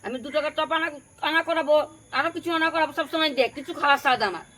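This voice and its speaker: A woman's voice: sits high, racing. A woman with a Purulia Bengali accent playing a quarrelsome young stepmother in a village drama. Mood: scolding. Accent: Purulia Bengali dialect. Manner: sharp, scolding, quarrelsome. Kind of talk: village home drama acting.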